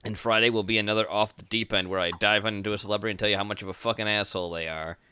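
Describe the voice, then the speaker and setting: Man, stream host, bright crisp voice, casual and profane, dull lo-fi audio. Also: fairly low pitch, steady tone, rapid-fire, slight background noise. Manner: casual, profane, rattles off announcements. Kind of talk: casual livestream chat.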